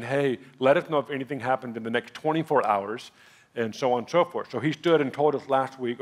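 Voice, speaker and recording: A man in his thirties preaching from a large church stage into a headset mic. His delivery is conversational and easy, and it builds to excited emphasis while he recounts a testimony. His pitch sits in the ordinary middle range. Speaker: pastor. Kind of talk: sermon with testimony.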